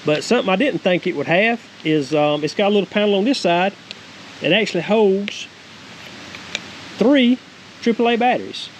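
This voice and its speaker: Pausing often at a normal speed, a man with a high voice and a Southern accent, in his forties, gives a folksy, rambling, casual product review as a homestead vlogger. He starts by a wooded creek and ends on a cabin deck. Poor audio, with a clear steady hiss outdoors.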